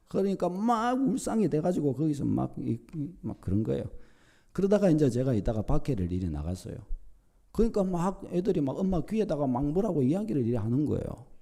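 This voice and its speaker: A man's voice: fairly high pitch, a little fast, creaky. A middle-aged man preaching a sermon as pastor, acting out family conversations to make his point. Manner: animated preaching, acts out family dialogue. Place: church sanctuary.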